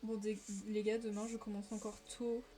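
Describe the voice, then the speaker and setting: Young woman, live-stream host, casual coloring chat, talks to viewers, mid pitch, soft music underneath. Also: level tone, normal speed. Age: young adult. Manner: chatty, talks straight to her viewers.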